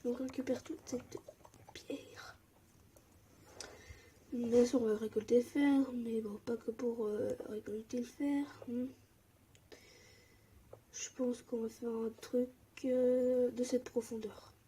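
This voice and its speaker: A young woman giving casual, excitable commentary while playing Minecraft. She often drops into a mumble or a whisper. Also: on the high side, measured pace, slight background noise. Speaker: gaming YouTuber.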